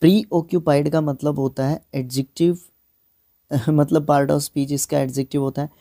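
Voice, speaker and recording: A man teaches an exam-prep vocabulary lesson in a warm, mellow voice. He slows down to spell words letter by letter and corrects himself openly as he explains. The sound is dry and close, with no room around it. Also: on the high side, steady tone, dry recording. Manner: frank, self-correcting explanations.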